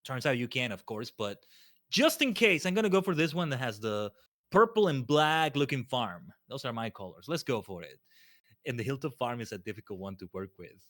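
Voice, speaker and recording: A man's voice: medium pitch, expressive, fairly quick, a bit bright. A man chatting casually as a guest on a livestream, rambling and often repeating his phrases. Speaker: guest streamer.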